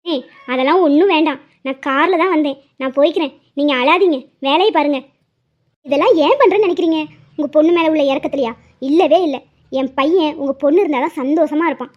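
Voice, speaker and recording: A woman's voice: high-pitched, fairly quick, close to an everyday voice. A woman voicing a well-off, kind middle-aged mother in a cartoon, speaking in an earnest, reassuring way. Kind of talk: cartoon voice acting. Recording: dull lo-fi audio.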